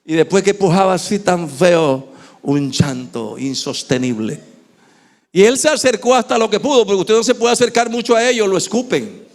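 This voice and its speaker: A man with an Ecuadorian Spanish accent preaching a sermon in a church, swinging from shouting to hushed tones. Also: high-pitched, expressive, normal speed. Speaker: pastor.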